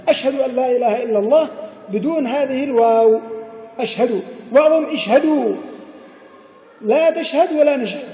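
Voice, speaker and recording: A man giving a religious lesson on the call to prayer, explaining mistakes and chanting drawn-out examples, with an occasional chuckle. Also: very high-pitched. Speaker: sheikh teaching the call to prayer. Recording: echoey hall, dull lo-fi sound.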